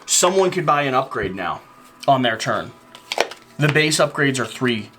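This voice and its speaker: A man's voice: mid-range voice, very animated, unhurried, over music. A man playing a cooperative board game, explaining rules emphatically, teasing the others and reading story passages. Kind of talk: casual tabletop play, narrating story text.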